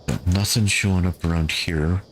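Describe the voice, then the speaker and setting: A man giving calm gameplay commentary, thinking aloud and talking to his squad as he plays. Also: sits low, moderate pace, a little hiss or hum. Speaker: gameplay streamer.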